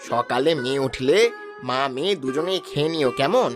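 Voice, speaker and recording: A man voicing a kindly village father in a cartoon, calm and coaxing. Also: medium pitch, normal speed, soft background music, natural voice. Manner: calm, coaxing, stern when wronged. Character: kindly village husband and father, fair-minded. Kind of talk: cartoon voice acting.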